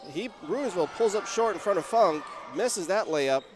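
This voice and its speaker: A young man calls a high school basketball game play by play, his voice sitting somewhat high and climbing into shouts when a shot drops. The live gym hum and bouncing balls stay audible under him. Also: normal speed. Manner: excited, rising to shouts on big plays. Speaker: play-by-play commentator. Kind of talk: live sports commentary.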